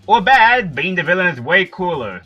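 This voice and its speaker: A man's voice: sits high, big pitch swings, moderate pace, lo-fi sound, over music. A man giving a commentary rebuttal in a smug, mocking way.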